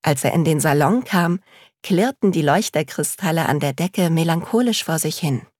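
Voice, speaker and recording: A woman narrating a storybook in a slow, calm, measured reading. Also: deep voice, no room sound, studio quality.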